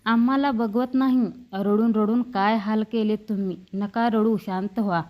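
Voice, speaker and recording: A woman's voice: a little high, steady tone, normal speed, muffled recording, close to an everyday voice. A woman voicing a caring, motherly older woman of the household who comforts the girl affectionately. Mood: soothing. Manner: soothing, affectionate.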